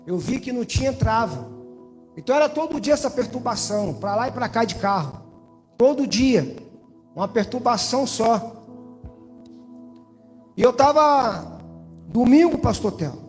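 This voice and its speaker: A man with a Brazilian accent from Espírito Santo, giving a testimony in an evangelical church and speaking directly to the pastor and the congregation. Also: very high voice. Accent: Brazilian Portuguese, Espírito Santo. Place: church hall. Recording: church hall reverb with faint music.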